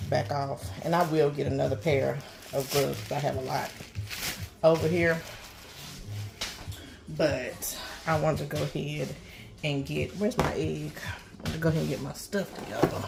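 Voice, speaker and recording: Amid chopping and clicks in her noisy home kitchen, a middle-aged cooking vlogger with a low, gravelly voice chats casually and folksily, addressing her viewers as honey and child.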